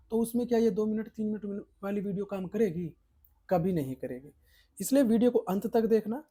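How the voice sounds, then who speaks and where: A man's voice: high-pitched, dark tone, slightly rough. A male teacher giving an exam preparation lesson, talking emphatically and coaxing students, repeating his points with rising and falling stress.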